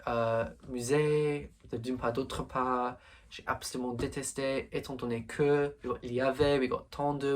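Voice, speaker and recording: A fairly bright, mid-range male voice comes through slight background noise. He's a late-teen English language tutor doing a screen-recorded exam walkthrough, reasoning aloud with frequent hesitations and filler words.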